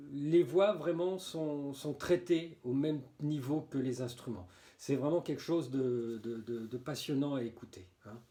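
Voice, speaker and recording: A man's voice: medium pitch, dark tone. A man casually reviewing albums from his own collection, hesitating often, repeating words and tagging his phrases with little filler words. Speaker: music collector presenting albums. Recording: roomy echoey room.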